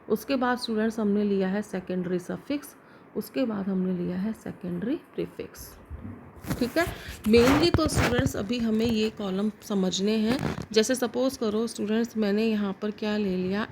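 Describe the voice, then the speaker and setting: A woman's voice: mid-range voice, darkish tone, a little hiss or hum. A woman teaching chemistry to students step by step, often asking a question and answering it herself. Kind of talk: classroom lecture to students.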